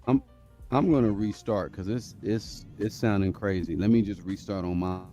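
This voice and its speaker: A man's voice: fairly low pitch, moderate pace, dark tone, soft background music. A man on a live stream call whose voice comes through robotic and metallic from a glitchy connection. He talks casually and keeps stopping to restart his sentences. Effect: robotic, metallic-sounding glitchy connection. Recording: dull lo-fi online call audio.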